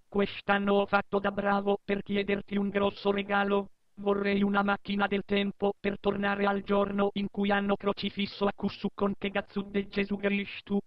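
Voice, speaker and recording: A man's voice: high-pitched, no room sound, voice pushed up, close to an everyday voice. A man voicing a small boy pleading in a comedy skit, in a dull recording. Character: small boy writing pleading letters to Santa.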